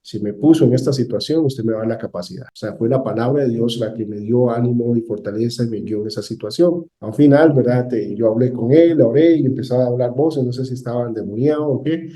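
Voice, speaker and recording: Guy teaching a bible class, really dark mellow tone, keeps going "verdad?", echoey room. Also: mid-range voice, quick pace, few pauses. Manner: storytelling, leans on a constant "¿verdad?".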